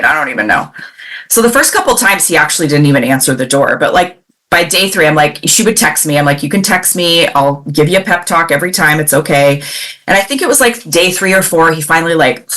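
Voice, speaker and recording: Low-voiced woman parenting coach, chatty. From Pacific Northwest, USA. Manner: animated, acts out quoted dialogue, many fillers. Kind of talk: conversational storytelling.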